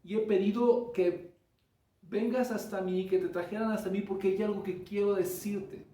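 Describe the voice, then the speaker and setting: Brief: Jesus, gentle and patient, asks questions softly, put on by a male preacher, higher voice, echoey. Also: steady tone, normal speed, lightly acted. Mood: kindly. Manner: gently questioning, then inviting. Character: Jesus, a kind and patient man. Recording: echoey room, mic from far off.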